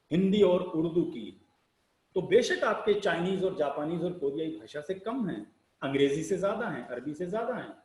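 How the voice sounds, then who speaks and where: High, lively man lecturing in an echoey room. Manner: slow deliberate explanation, spells out sounds letter by letter; rhetorical questions, emphatic rises and sinking ends. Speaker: public speaking teacher.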